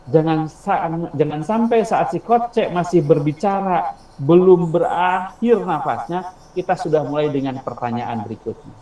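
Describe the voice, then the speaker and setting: A man's voice: high voice, warm tone. A man teaching an online teacher-training class, explaining step by step and asking the class questions. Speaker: instructor. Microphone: video call. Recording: roomy, distant mic, faint insect noise.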